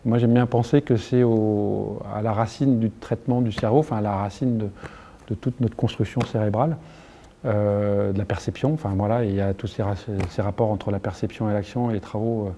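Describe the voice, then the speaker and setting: Very dark-voiced French man, halting speech. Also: fairly low pitch, fairly even intonation, a little hiss or hum. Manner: halting, many restarts and fillers, earnest. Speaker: motion capture engineer being interviewed. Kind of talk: unscripted interview answer.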